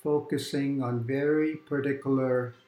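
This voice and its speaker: A man leads a calm grounding exercise as a meditation guide. He speaks slowly, in a medium-pitched voice, leaving long pauses between gentle instructions. The recording has a roomy echo, with music playing behind him. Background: quiet background music.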